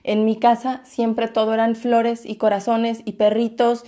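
A woman's voice: fairly high pitch, monotone, unhurried, warm tone. A woman, a YouTuber, candidly and expressively telling a personal story to her viewers, whom she calls her loves. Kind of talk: storytime vlog.

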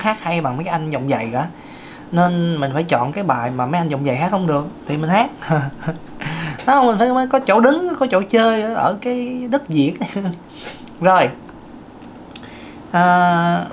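Thin-voiced chatty man teaching singing. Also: a little hiss or hum. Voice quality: thin, light voice. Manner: chatty, with many fillers and sudden pitch jumps. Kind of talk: casual talking lesson.

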